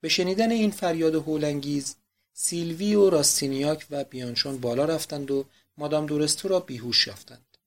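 Man narrating a novel, fairly high voice. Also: fairly bright tone. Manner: measured, subdued reading.

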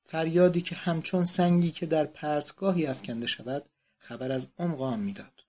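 A man reading a classic novel aloud in a measured, solemn narration. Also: fairly high pitch, darkish tone. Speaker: audiobook narrator. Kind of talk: scripted literary narration.

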